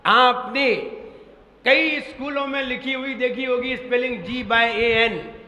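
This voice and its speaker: A man preaches slowly in a high, bright voice. He asks his listeners questions and spells words out one letter at a time. The sound rings with long reverb from a large hall. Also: highs cut off. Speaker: Jain monk preacher. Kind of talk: sermon teaching pronunciation.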